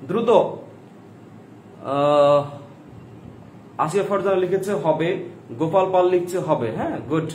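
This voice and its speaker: A Bangladeshi man with a fairly high voice teaches a live grammar class, repeating questions and urging students to write their answers. He sounds a little distant from the mic, and the room around him is echoey. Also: a little mellow, a little hiss or hum. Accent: Bangladeshi Bengali.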